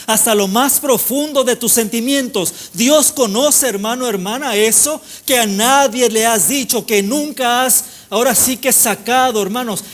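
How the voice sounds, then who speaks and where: A man preaching a sermon to his congregation, in a repetitive cadence that falls softer at the end of each phrase. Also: high-pitched, a little hiss or hum. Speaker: pastor.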